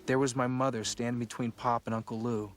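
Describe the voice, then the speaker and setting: An actor playing a brooding young man who narrates his search in dry, measured hardboiled voice-over. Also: mid-range voice, level tone, natural voice. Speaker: film narrator. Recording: film clip under loud music. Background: film score.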